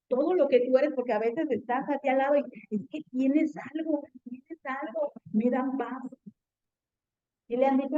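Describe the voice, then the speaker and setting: A woman's voice: high-pitched, warm tone, lo-fi sound. A woman teaching a Bible class in an earnest tone, often checking in with her students.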